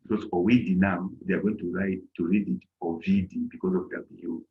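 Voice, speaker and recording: A middle-aged man teaches a German lesson to an online class, raising his voice to act out short dialogues. His voice sits low, steady in tone and a little fast. He's in an indoor room on a video call, and the laptop mic makes the audio lo-fi.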